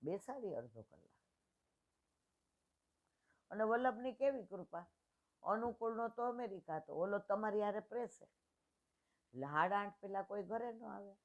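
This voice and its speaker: A woman's voice: mid-range voice, expressive, unhurried, pauses often. A woman in her sixties tells devotional stories in plain homely speech, acting out the dialogues, at a religious gathering. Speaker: satsang speaker. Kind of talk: devotional storytelling talk. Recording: tinny phone-like line.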